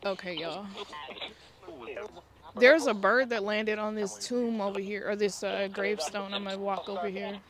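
A woman's voice: medium pitch, fairly even intonation, moderate pace, a crowd in the background. A woman chatting informally to viewers as a paranormal vlogger, rambling and talking aloud to herself. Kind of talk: casual chat to viewers. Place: outdoors in a cemetery.

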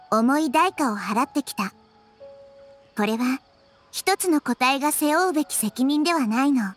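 A woman with a high-sitting voice plays a wise, kindly, childlike girl deity in an anime-style game. She speaks calmly and articulately, in a reassuring way.

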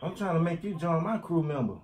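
A man's voice: fairly high pitch, fast, a crowd in the background. A young man joking around in casual prank-call chat, slangy, playful and teasing. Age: young adult. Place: small plain room indoors.

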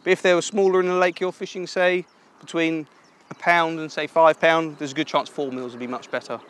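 Outdoors at a lake, a young man coaches listeners through an angling method, partly as a voice-over and partly as commentary. His voice is a little high and brisk, and his relaxed, explanatory delivery is full of practical tips. There's a slight hiss or hum in the audio.

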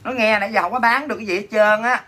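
Bright, husky Southern Vietnamese man. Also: sits high, steady tone, racing. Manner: dramatic, teasing, mock-complaining banter; reads out and answers viewer comments. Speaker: livestream seller and host. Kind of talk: casual livestream selling chat.

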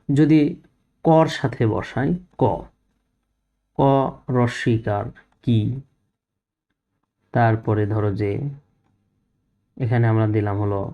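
A man's voice: mid-range voice, mellow. A man teaching a first-grade reading lesson, patiently asking questions and answering them himself.

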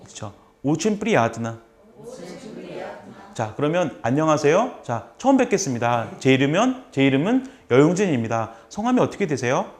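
A man's voice: fairly high pitch, sing-song. Patient male teacher drilling phrases. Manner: patient, repeats phrases slowly for students to copy. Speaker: language instructor. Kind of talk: classroom lesson.

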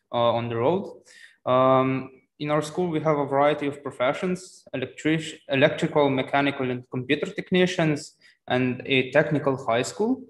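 A teenage boy from Slovenia with a Slovenian accent, presenting facts about his school and town plainly, with fillers. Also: mid-range voice. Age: teens. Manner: plain, with fillers between points. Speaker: student presenter. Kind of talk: presentation on a video call. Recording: echoey room.

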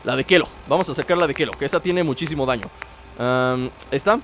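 A young man giving jokey let's-play commentary, talking straight to his viewers and yelling when startled. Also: medium pitch, fairly quick, background noise. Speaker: gaming YouTuber.

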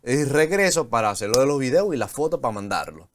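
Animated man telling a story. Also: medium pitch, quick pace. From Venezuela. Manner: animated, laughing at his own story. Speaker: interview guest. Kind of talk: casual storytelling.

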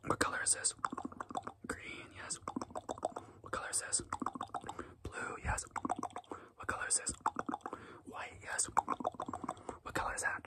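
An ASMR host of unclear sex doing fast and aggressive ASMR in a whisper, with short repeated words and phrases. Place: small dim indoor room.

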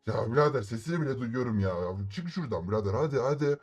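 Man doing a gruff hostile guard. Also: mid-range voice, expressive, quick pace, pitched below the performer's own voice. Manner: rough, shouting threats.

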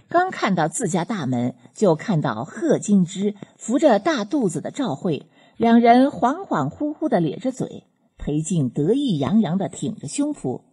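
A woman narrates a serialized novel with expressive, storytelling delivery. Her voice sits low and warm, with a soft breathiness. The melody moves widely through each sentence. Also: breathy edge. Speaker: audiobook narrator.

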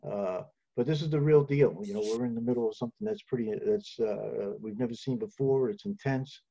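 A man's voice: medium pitch, a little fast, breathy edge, dull audio. A man in his sixties giving rambling, encouraging remarks on a video call. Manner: warm, rambling, repeats words. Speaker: ministry leader. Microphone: video call with earbuds.

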